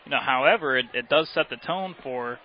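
An American man giving unscripted football analysis as color commentator, halting with many fillers. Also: mid-range voice. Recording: dull broadcast with clear outdoor noise.

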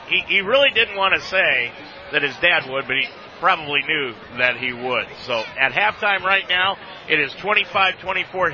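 A man's voice: a little high, sharp tone, lo-fi sound. A man giving halftime basketball commentary as a sports broadcaster.

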